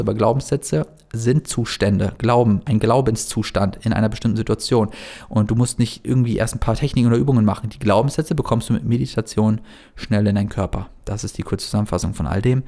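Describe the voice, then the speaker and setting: Fast-talking earnest male self-help coach. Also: lowish voice, gravelly, warm tone. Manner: fast-talking, earnest, addresses the listener directly. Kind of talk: casual motivational monologue.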